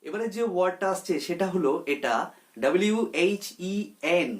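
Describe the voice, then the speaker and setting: A man teaching a pronunciation lesson, repeating each word slowly and explaining it step by step. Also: sits high, lively intonation. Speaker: English tutor.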